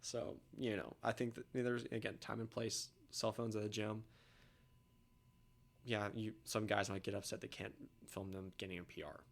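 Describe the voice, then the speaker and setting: Low gravelly man, opinionated. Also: little pitch movement, moderate pace. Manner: opinionated, trails off softly at ends of points. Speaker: podcast guest. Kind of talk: casual podcast conversation.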